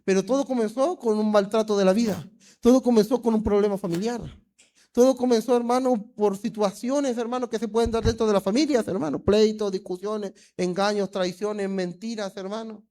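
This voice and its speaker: Male pastor, Peruvian Spanish accent, high voice, fervent preaching style, constant "hermano" refrains. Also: fairly even intonation, fairly quick, warm tone. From Peru. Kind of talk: sermon.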